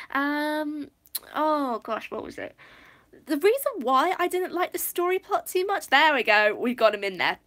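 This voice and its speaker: A high-pitched woman from Wales chatting through a livestream show review. She rambles, loses her thread, and fills the gaps with ums and restarts as she goes. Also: fairly bright tone. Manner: rambling, distracted, many fillers and restarts. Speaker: livestream host. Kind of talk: casual live review chat.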